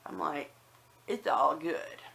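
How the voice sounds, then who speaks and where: A woman's voice: low-pitched, slow, gravelly, a bit bright. A woman telling a personal story casually to viewers, with a slight whistle on some words and a habit of acting out remembered remarks. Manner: conversational, acts out remembered remarks. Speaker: personal vlogger.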